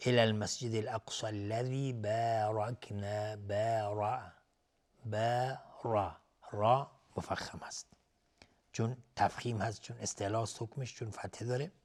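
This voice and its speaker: A man teaching Quranic recitation rules on a TV lesson. He chants verses slowly and drawn out, then explains each rule in quick, plain talk. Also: medium pitch. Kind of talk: tajweed lesson with slow recitation. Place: TV studio.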